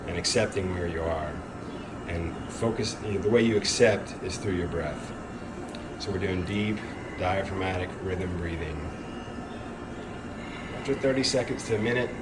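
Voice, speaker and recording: A man with a fairly low voice hosts in a casual, explanatory way. He sounds encouraging and conversational, and steady noise is clearly audible behind him in the garage. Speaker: host guiding an ice bath demonstration. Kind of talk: casual explanatory vlog talk. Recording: clear background noise, humming ambience.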